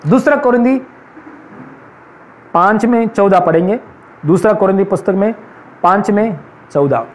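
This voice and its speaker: A male pastor preaching with insistent, repeated hallelujahs. His voice sits unusually high for a man. It is a church sermon, earnest and emphatic throughout. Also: a little slow.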